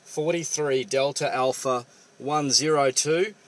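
A man with an Australian accent talking as a radio operator in a casual, matey, halting way, with call signs and jargon. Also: mid-range voice, low-quality recording. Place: parked vehicle.

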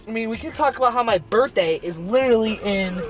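A man's voice: high voice, quick pace. A seventeen-year-old young man chatting casually in a car vlog, rambling and swearing in an upbeat way. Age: teens. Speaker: vlogger. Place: inside a parked car. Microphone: camera on the dashboard. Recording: noisy car recording.

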